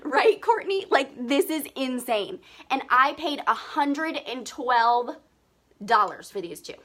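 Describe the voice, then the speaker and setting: Young female live-stream beauty vlogger, excitable and gushing, slightly out of breath, sharp bright tone. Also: high-pitched, slow pace. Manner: gushing, excitable, lots of "like" and "seriously". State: breathing heavily. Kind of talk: live makeup comparison video.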